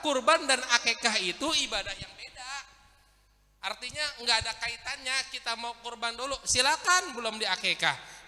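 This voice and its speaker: A man giving a casual, animated sermon, often asking his listeners questions. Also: sits high, big-room sound. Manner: colloquial and animated, addresses listeners directly with questions. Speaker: ustadz giving a religious study talk.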